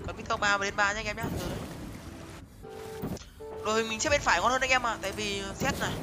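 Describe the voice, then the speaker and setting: A young man giving excited live commentary on his game, talking to viewers and repeating words in quick bursts. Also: sits high. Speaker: game streamer. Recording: music playing behind voice.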